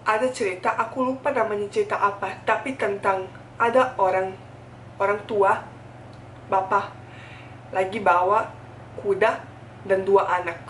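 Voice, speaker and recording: A woman's voice: mid-range voice, steady tone, unhurried, long pauses. A foreign woman from Bosnia, speaking colloquial Indonesian as an in a candid, earnest, emphatic talk to camera, often repeating phrases. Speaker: food YouTuber. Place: indoors at home. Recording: echoey room, distant mic, faint noise.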